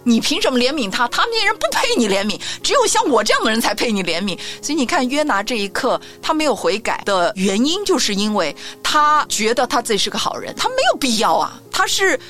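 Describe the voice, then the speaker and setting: Brief: middle-aged woman, co-host of a faith talk show, lively storyteller, soft music bed behind. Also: on the high side, a little fast, hardly any pauses. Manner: animated storytelling, acts out quoted voices.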